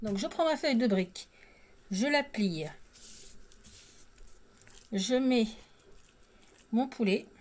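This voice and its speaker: A woman, hoarse from a sore throat, talks casually and a little hesitantly through a step-by-step cooking tutorial. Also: on the high side, expressive, slow pace, long pauses, darkish tone. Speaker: home cooking vlogger. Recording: clearly noisy home recording with clicks.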